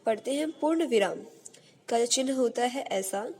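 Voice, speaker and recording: A female school teacher giving a grammar lesson, explaining each point slowly and repeating it, often calling out "okay students". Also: on the high side, animated, darkish tone.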